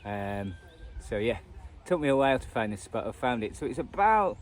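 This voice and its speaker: At the edge of a churchyard, with traffic rumbling in the background of this noisy outdoor clip, a hobbyist vlogger runs through a radio band scan. He has a Northern English accent and a mid-range, sing-song voice at a moderate pace, chatting off the cuff and musing aloud in hesitant, trailing bits.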